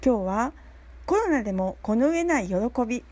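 A woman from Nagasaki telling a personal story in a prepared talk, earnest and halting, often pausing with fillers as she searches for words. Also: a little high, expressive, darkish tone. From Nagasaki, Japan. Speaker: speaker sharing a personal story.

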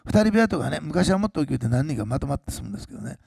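Gravelly, animated pastor preaching a sermon. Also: male voice, racing, dry recording, clean studio sound. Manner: animated, swings between loud emphasis and low asides.

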